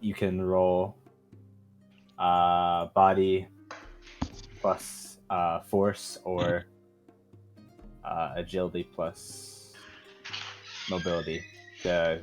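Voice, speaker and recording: Male game master, deep voice, slow halting narration, faint music behind. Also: flat delivery.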